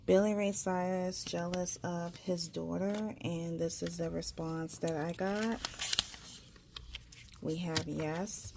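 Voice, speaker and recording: A woman doing a casual tarot reading, halting and repeating herself as she searches for words, her articulation slightly impeded by a tongue piercing. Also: lowish voice, creaky, warm tone, a little hiss or hum. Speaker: tarot reader.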